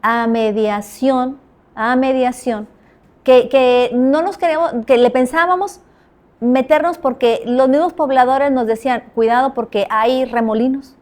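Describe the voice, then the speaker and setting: Mexican woman telling lively anecdotes. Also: high voice, unhurried. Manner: animated storyteller, acts out quoted dialogue. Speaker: journalist guest. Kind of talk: anecdotal interview talk.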